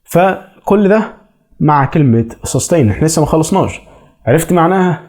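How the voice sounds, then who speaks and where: A man's voice: on the high side, expressive, brisk, a little mellow. A man with an Egyptian Arabic accent giving chatty, reassuring advice as an English teacher in a casual explainer video.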